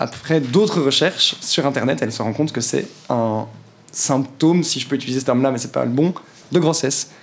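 A young man giving a quick, theatrical recap as a radio columnist, with mock announcer flourishes. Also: mid-range voice. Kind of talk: scripted political recap.

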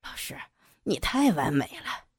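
Woman doing a cocky young man, deep-ish and mocking, for a storybook reading. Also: sing-song, a little slow, slightly rough, no echo, studio quality, heavily acted. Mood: gloating. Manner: low, gloating, mocking. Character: smug, domineering young man lording over his teacher.

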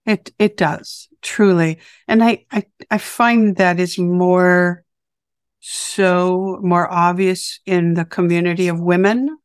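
A woman interviewing a guest, with a raspy morning voice, affirming and searching for words as she talks. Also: lowish voice, fairly even intonation, slow, dry recording, studio quality. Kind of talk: interview conversation.

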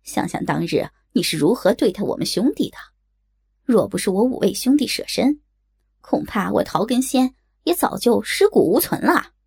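A cruel, shrill-voiced outlaw man, as a woman narrator puts him on, who cackles and taunts with a gravelly, husky edge. His pitch swings widely as he sneers. Told in an audiobook story. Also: very animated, moderate pace, a little mellow, no room sound, studio quality, heavily acted. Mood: furious.

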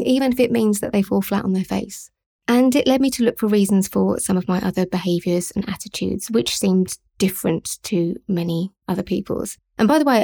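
A middle-aged woman, hosting a podcast and speaking candidly and in a measured way about her own experiences. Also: medium pitch, creaky. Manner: candid, measured, occasional soft laughs. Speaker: podcast host. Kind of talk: personal reflective monologue.

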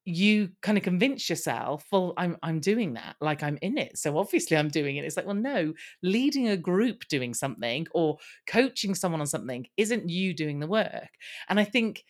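A man talking as a podcast guest, telling personal stories in a candid, conversational way with quick bursts and frequent restarts. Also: sits high, lively intonation.

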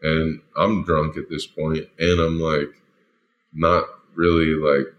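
A man's voice: rumbling low, little pitch movement, slow pace, muffled recording. A man, a former football lineman, casually tells a story, rambling and filling it with "like" and "you know". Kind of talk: casual spoken anecdote.

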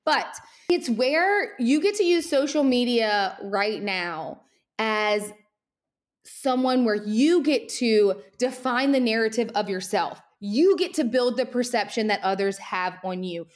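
A woman hosting her own podcast, giving energetic, animated marketing advice at great speed and sounding a little winded. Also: on the high side. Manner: energetic, animated, talks very fast. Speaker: podcast host, social media marketer. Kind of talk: fast motivational solo podcast talk.

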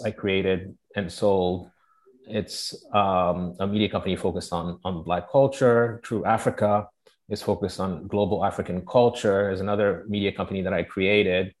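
A man from Togo, moderating an online forum in a measured way, often searching for his words. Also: deep voice, fairly even intonation. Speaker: panel moderator. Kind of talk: introducing an online forum discussion.

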